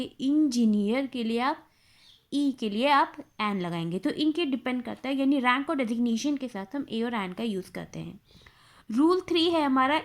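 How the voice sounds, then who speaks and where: A woman teaching a grammar lesson, explaining step by step and repeating example words slowly. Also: high-pitched. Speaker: English teacher.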